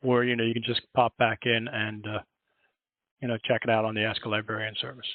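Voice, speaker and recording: A man's voice: medium pitch, level tone, a little fast, no room sound. A man with a Philadelphia accent, a librarian giving a chatty, rambling workshop presentation on a video call. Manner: chatty, rambling, self-correcting. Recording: dry, tinny phone-like audio.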